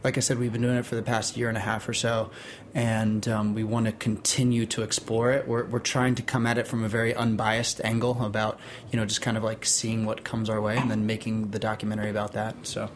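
With noticeable noise behind him, a man explains things casually as an interview guest. His voice is fairly low and stays monotone. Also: a little fast, few pauses. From Florida. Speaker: interview guest, documentary filmmaker. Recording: clear background noise, room ambience.

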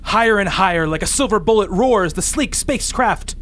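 A man's voice: high-pitched, expressive, fairly quick, a bit bright, no echo. A man narrating a comic-book radio play in a grandiose, theatrical style.

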